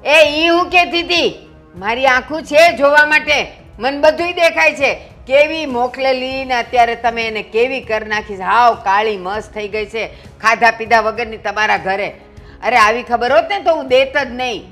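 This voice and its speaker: An actress playing a middle-aged, sharp-tongued mother-in-law who bluntly scolds and mocks her son-in-law. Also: fairly high pitch, moderate pace, faint music behind, close to an everyday voice. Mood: scolding.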